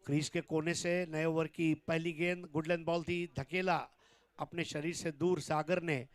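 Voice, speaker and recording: A man delivers excited cricket commentary as the play-by-play caller. His voice is high-pitched and clear, with very little room sound. He stretches his words out when calling the big shots. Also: a little slow, no echo.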